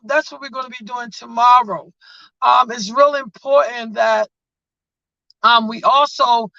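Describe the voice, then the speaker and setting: A woman talks with a bright, forceful edge, building her points in an emphatic, rallying rhythm. Her voice is close and dry. The sound is dull and lo-fi. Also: a little high, gravelly, no echo. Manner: emphatic, rallying, preacher-like cadence. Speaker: guest community advocate. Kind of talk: casual live conversation.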